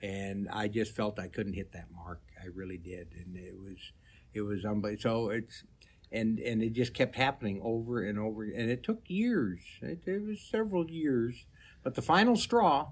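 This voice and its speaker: Male comedian interview guest, lowish pitch, conversational storyteller who repeats phrases for emphasis.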